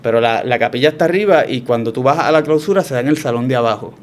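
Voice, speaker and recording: A man with a Puerto Rican Spanish accent, telling his story as a guest in a relaxed, reflective way with frequent restarts. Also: medium pitch, rapid-fire, a little hiss or hum. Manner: reflective, hesitant with many restarts. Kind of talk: conversational testimony.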